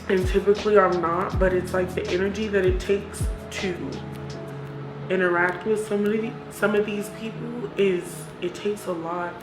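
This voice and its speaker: A woman vlogger chatting casually and confessionally, candid and reflective, talking herself into encouragement. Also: on the low side. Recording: roomy echo with music behind.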